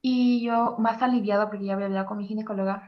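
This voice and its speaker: A young Mexican woman confiding in an advice host, stopping and restarting as she searches for words. Her voice sits at an ordinary middle pitch. The recording sounds a little dull and lo-fi. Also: fairly even intonation, quick pace. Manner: hesitant, many fillers and restarts. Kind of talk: personal confession to an advice host.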